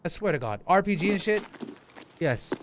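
A Danish live game streamer chats casually with his viewers in slangy, profane, repetitive bursts from an indoor streaming setup. His high-pitched voice is very animated at a normal speed, picked up by a close desk microphone while he wears a headset, with background noise present.

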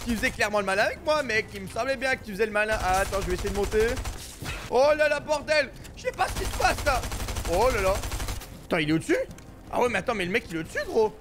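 High-voiced excitable young gaming man. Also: fast, background noise. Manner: animated, slangy, keeps saying "gros" and "mec". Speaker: gaming YouTuber. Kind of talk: excited Fortnite gameplay commentary.

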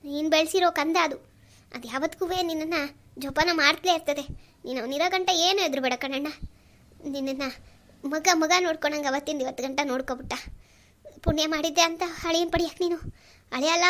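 A woman's voice: high-pitched, normal speed, pauses often, a bit bright. A woman voicing a tearful devoted sister. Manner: emotional, blessing and praying. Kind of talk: cartoon voice acting.

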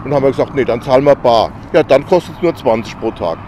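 A man's voice: medium pitch, lively intonation, quick pace. A man in his sixties chatting casually as a travel vlogger, telling stories with fillers, filmed outdoors on a selfie camera at arm's length. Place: outdoors on a harbour bridge. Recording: outdoor noise, traffic behind.

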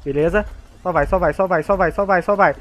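A man with a Brazilian accent giving excitable gameplay commentary, laughing often and talking to the other players. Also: high voice, a little fast, soft background music. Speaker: gamer.

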